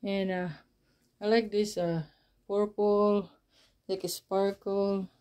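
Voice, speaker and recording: Slow, flat-voiced woman vlogging. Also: mid-range voice, smooth. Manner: halting, searching for words. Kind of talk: casual home tour chat. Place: basement at home.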